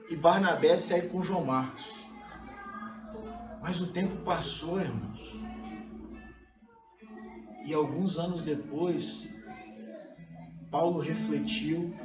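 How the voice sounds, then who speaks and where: A man in his forties from Brazil, a pastor preaching a sermon in a conversational way and often calling his listeners "cara". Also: on the high side. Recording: roomy sound from a distance, music behind.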